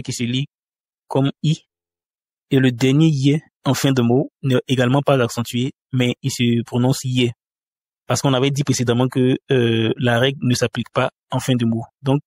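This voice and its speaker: A man's voice: medium pitch, a little mellow, no echo. Patient man teaching pronunciation, dry sound. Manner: patient, repeats example words slowly, frequent hesitations. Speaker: language teacher. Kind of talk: spoken lesson explaining pronunciation.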